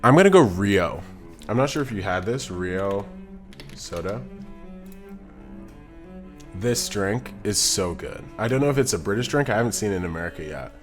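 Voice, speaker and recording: A man's voice: lowish voice, expressive, moderate pace, pauses often, soft background music. A man streaming live, chatting casually and rambling as he reads out and answers viewer messages. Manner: rambling, chatty, reacts to chat and laughs often; reads chat messages aloud and answers them.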